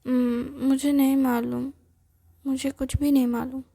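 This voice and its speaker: A woman voicing a chatty, curious young female ghost who keeps asking questions and admires her own looks, in a breathy whispered role-play. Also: high-pitched, little pitch movement, mellow, full character voice. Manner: rapid questioning, insistent.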